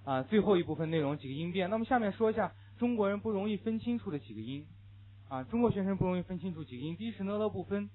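A slightly higher-pitched man with a husky voice lectures a classroom on pronunciation, leading students through phrases to repeat after him. The recording is thin and phone-like, muffled and lo-fi. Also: expressive, very fast. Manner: explains patiently, drills phrases for students to repeat. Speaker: English teacher.

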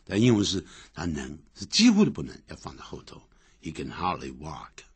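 A man with a husky voice giving a grammar lecture, explaining step by step and repeating example sentences. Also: very deep voice, wildly swooping pitch, moderate pace, no room sound. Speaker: English grammar teacher. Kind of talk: classroom-style grammar lecture.

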